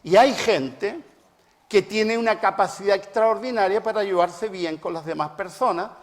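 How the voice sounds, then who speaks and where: Speaking in a high voice at a moderate pace, a middle-aged man who works as a preacher and family therapist delivers a reflective sermon drawing on personal anecdotes. He stresses points emphatically by repeating phrases, and the hall adds a long reverb.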